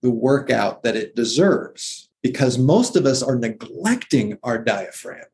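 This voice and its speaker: A man's voice: mid-range voice, sing-song, measured pace, creaky, a little mellow, slight background noise. A man who once taught anatomy, explaining muscles and breathing in a casual conversation with enthusiasm. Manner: enthusiastic, detail-heavy, lists muscle names. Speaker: former anatomy teacher, guest.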